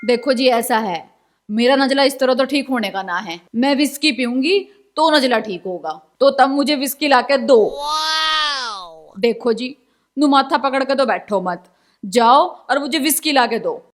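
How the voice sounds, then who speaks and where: A woman's voice: sits high, animated, a little slow. A woman playing a wheedling, insistent wife in a village comedy sketch. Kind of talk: rustic comedy acting.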